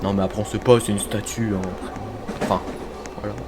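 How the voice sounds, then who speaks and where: A man's voice: lowish voice, level tone, brisk. A man casually commenting on his own gameplay, chatty and self-mocking, talking to his viewers. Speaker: gamer. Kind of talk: casual let's-play commentary. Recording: noticeable background noise.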